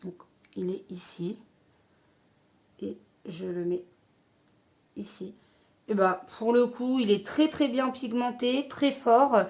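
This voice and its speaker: A woman's voice: a little high, takes it slowly, pauses often, darkish tone. A young woman casually reviewing an eyeshadow palette, hesitant with many fillers. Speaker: beauty vlogger.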